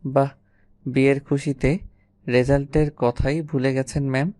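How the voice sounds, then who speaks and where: A smug young husband who teases everyone with lazy confidence, as a man plays him. His voice sits at an ordinary pitch and comes across dry and close, in a Bengali-style storybook audio drama. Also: level tone, darkish tone, dry recording, close to an everyday voice. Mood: smug teasing. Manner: mocking, unhurried banter. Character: cocky teasing young husband, smug and playful.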